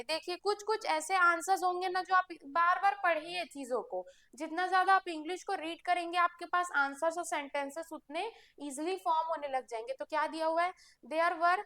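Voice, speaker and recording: A woman's voice: very high voice, moderate pace, sharp tone. A woman teaching English grammar for exam prep, explaining step by step and answering her own questions.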